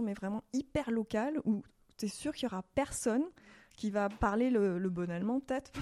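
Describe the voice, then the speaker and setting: A woman from Alsace chatting as a guest in a relaxed interview, telling her story at an easy conversational pace. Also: medium pitch. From Alsace, France. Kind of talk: casual interview chat.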